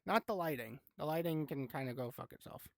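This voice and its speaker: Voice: mid-range voice, animated, fairly quick, gravelly, no room sound. Laid-back game master with a dry, close sound. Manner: laid-back, chatty, laughs often, swears. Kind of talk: running a tabletop game live.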